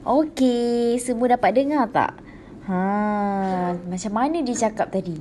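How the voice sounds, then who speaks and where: A woman teacher with a Malaysian Malay accent, explaining a lesson to primary pupils slowly and clearly, with many "okey" and "ha". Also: mid-range voice, warm tone, a little hiss or hum.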